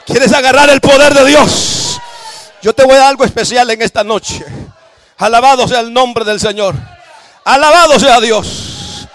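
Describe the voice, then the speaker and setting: A man from El Salvador with a Salvadoran Spanish accent, preaching a sermon in a church with shouted, emphatic praise cries. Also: very high-pitched, a little slow.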